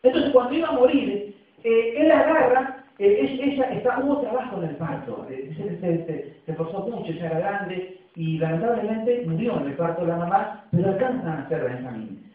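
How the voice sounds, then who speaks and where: An Argentine man preaches with a high voice, talking conversationally and checking in with his listeners through frequent tag questions. He is heard from far off in a very echoey church, through a thin, phone-like sound. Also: lively intonation, normal speed. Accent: Argentine Spanish. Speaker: pastor. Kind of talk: sermon.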